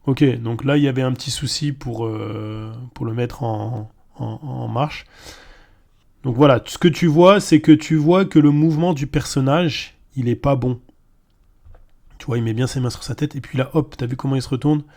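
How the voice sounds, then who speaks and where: A man's voice: medium pitch, normal speed, vocal fry, a little mellow. A man casually walking a viewer through an AI video tool, talking to them directly and informally, with frequent hesitations. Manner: casual, addresses viewer as tu, many fillers. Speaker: tutorial host. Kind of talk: screen-recorded software tutorial.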